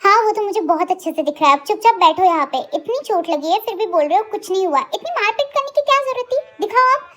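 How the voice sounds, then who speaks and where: A woman's voice: very high voice, lively intonation, fast talker, a bit bright. A woman voicing a caring young woman who pleads and scolds in a dramatized story reading. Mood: scolding.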